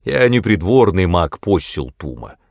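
Audiobook: a man doing a grumpy green demon mentor, explosive and indignant, lively swings, dry close sound. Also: low-pitched, unhurried, no room sound, exaggerated voice. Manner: blustering, explosive outbursts. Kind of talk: audiobook character reading.

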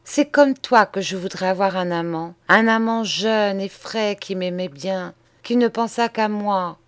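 A woman's voice: mid-range voice, a little slow, no room sound, close to an everyday voice. A woman voicing a passionate young woman lover who asks urgent, tender questions in a story reading. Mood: yearning.

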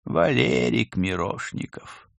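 A man voicing an old male house ghost who speaks in a rustling whisper, slow and instructive, in a storybook reading. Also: medium pitch, expressive, gravelly, dry recording, voice pushed up, full character voice. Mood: wistful.

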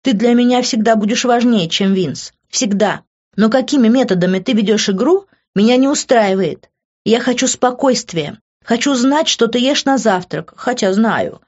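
A woman's voice: fairly high pitch, lively intonation, normal speed, darkish tone, lo-fi sound, pitched above the performer's own voice. A woman reading an audiobook, voicing a heated, passionate young woman arguing with her lover in a raised, emotional voice.

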